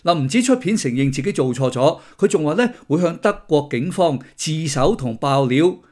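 A man's voice: a little high, expressive, moderate pace, a little mellow. A middle-aged man, hosting a casual political commentary with sardonic, mocking asides. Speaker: host of a commentary channel.

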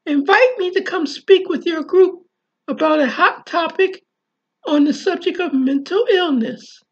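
A woman author and speaker reads her childhood memoir aloud, then wraps up with a presentation. Her very high voice moves slowly and deliberately, spelling out details letter by letter, on a dull, lo-fi recording.

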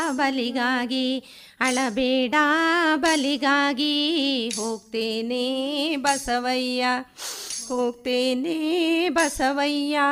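An actress playing a young daughter-in-law who speaks in sorrowful, lilting village dialect in a radio drama. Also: female voice, high voice. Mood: lamenting. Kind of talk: radio drama acting and folk-song singing.

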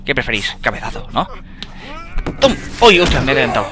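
A young man with a Spain Spanish accent giving let's play commentary, excitable, swearing and yelling at enemies as he plays. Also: mid-range voice, fairly quick, background noise. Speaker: gamer.

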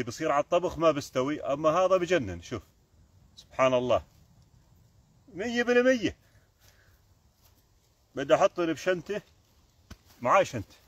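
A man's voice: a little high, husky, dry recording. Chatty Jordanian man streaming from a forest. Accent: Jordanian Arabic. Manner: chatty, points things out to the viewer. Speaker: vlogger streaming live. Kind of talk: casual live-stream chat while foraging. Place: outdoors in a forest.

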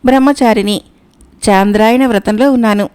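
A woman's voice: on the high side, normal speed, a little mellow, clear, resonant tone, lightly acted. A woman voicing a sly male cat who poses as pious and meek, talking in a fawning, pleading way. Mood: pleading flattery. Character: sly male cat feigning holy meekness.

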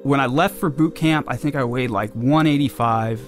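Man from california, veteran, casual storytelling, loose fillers, middle pitch, soft music behind. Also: normal speed. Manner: loose, conversational, with fillers like "like" and "you know". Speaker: military veteran interviewee. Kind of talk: casual recollection.

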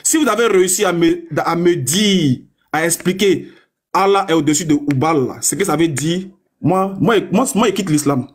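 A young man in a combative live-stream debate, taunting his opponents and reading a source text aloud slowly and deliberately. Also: a little high, slightly rough. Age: young adult.

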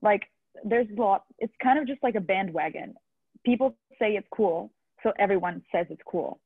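A woman's voice: medium pitch, moderate pace, husky, dry recording. A young woman from Italy, a student, giving outspoken opinions in a casual video call chat over earbuds. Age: young adult. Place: living room with a sofa. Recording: dry, tinny video call audio.

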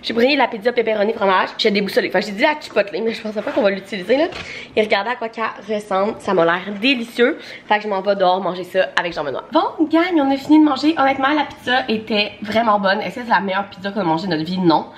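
A woman's voice: medium pitch, quick pace, a little hiss or hum. Chatty Québécois woman vlogging. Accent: Québécois French. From Quebec, Canada. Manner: chatty, many fillers and asides. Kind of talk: casual vlog chat.

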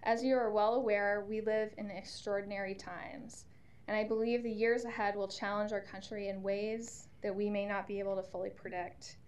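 A woman in her thirties testifying at a podium microphone in a council chamber, reading a prepared statement in a steady, earnest way. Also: mid-range voice, normal speed. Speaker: nonprofit CEO testifying.

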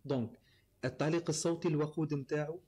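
Racing along with fairly even intonation, a man with a slightly high, darkish voice and a Tunisian accent talks as an interview guest. A voice-over artist, he explains his craft point by point in casual conversation, using many fillers, over slight background noise.

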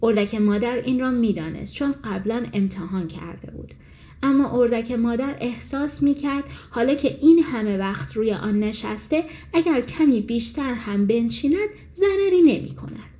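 A woman reading a fairy tale as an audiobook narrator, in calm, measured storytelling. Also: a little high.

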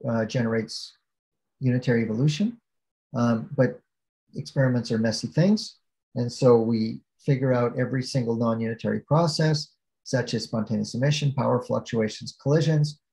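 A man's voice: medium pitch, gravelly, a little mellow, rough recording. A man giving an academic keynote lecture over a video call, explaining step by step with frequent fillers and restarts. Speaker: keynote speaker.

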